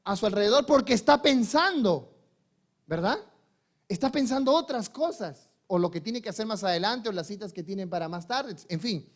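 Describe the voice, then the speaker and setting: A male pastor with a high, expressive voice preaches to his congregation. He asks them questions only to answer them himself, moving from hushed, slow sections to loud, emphatic ones.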